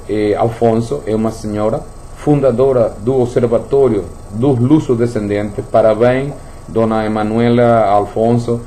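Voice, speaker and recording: A male radio talk host raised in Venezuela speaks Portuguese with Spanish slips, in a deep, very mellow voice with a faint hum in the background. He thinks aloud in loose, repetitive runs, restarting phrases and repeating words, on a rough recording.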